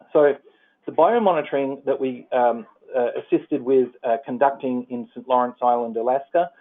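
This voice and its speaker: Australian man presenting over a phone line. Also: mid-range voice. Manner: halting, many fillers and restarts. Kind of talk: slide presentation on a conference call. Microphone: phone or call line. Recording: narrow phone-line audio.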